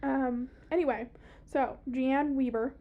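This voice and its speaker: A woman's voice: sits high, steady tone, takes it slowly, narrow, tinny audio. A young woman hosting a podcast in casual chat, giggly and chatty, swearing freely. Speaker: podcast host. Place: small podcast room.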